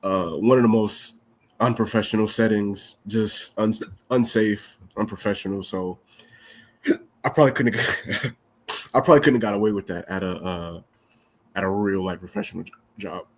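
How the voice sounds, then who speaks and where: Male co-host, deep husky voice, hiccuping, wry and casual. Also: steady tone, moderate pace. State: has the hiccups. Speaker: podcast co-host. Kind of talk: casual chat.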